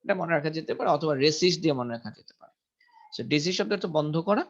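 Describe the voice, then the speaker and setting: A man's voice: fairly high pitch, a bit bright. A man teaching English vocabulary in a casual lesson, repeating each word several times and checking pronunciation aloud. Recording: dull lo-fi recording.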